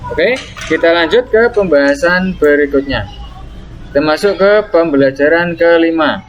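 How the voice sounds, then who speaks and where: A man's voice: fairly high pitch, noisy background. A young man teaching young children in an online lesson, explaining patiently step by step with plenty of fillers. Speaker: primary school teacher.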